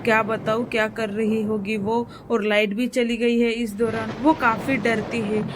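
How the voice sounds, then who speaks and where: A woman's voice: fairly high pitch, level tone, a little slow, noisy background, lightly acted. A woman voicing an anxious, caring mother sparrow in a cartoon story.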